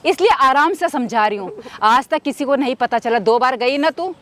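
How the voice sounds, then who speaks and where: A woman's voice: high-pitched, lively intonation, normal speed, fairly bright tone. An actress playing a cruel, scheming mother-in-law who threatens her daughter-in-law in a cold, insistent way. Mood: menacing. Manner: menacing, coldly insistent, repeats threats. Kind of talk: web short drama acting.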